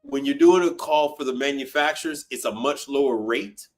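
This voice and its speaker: A man's voice: mid-range voice, moderate pace. A man in his fifties hosting a casual call-in live stream, blunt and profane, often repeating himself for emphasis. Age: 50s.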